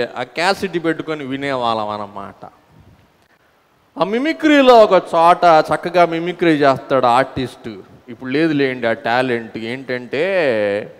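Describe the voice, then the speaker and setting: Telugu-accented pastor preaching in a reverberant hall. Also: male voice, on the high side, clean tone. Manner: calls out to the congregation to answer aloud; breaks into sung hymn lines. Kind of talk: sermon.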